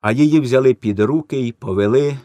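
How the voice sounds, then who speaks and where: A man reading a story aloud in a solemn, measured manner, his mid-range voice steady and even. The recording is dry and close, with no room sound. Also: mid-range voice, no room sound. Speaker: narrator.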